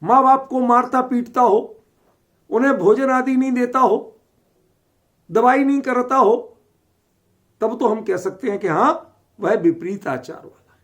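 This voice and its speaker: सवाल पूछते हुए पढ़ाता पुरुष शिक्षक. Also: male voice, very high-pitched, unhurried, long pauses, a bit bright. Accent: Delhi Hindi. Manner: questioning, keeps checking understanding. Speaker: Jain scripture teacher. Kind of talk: scripture lesson.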